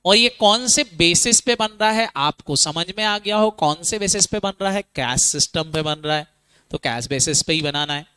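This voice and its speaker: A man teaching accounting in a classroom lecture, speaking Hindi mixed with English terms and drilling students with quick call-and-response questions. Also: on the high side, pushed and bright, clean tone, no echo.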